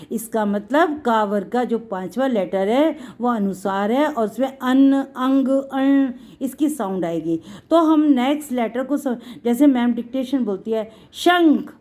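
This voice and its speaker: A high-pitched woman gives a patient Hindi lesson to children. She stretches out her words as she explains each letter and warmly calls her pupils "beta". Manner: patient, drawn-out explaining, addresses students as beta. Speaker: Hindi teacher.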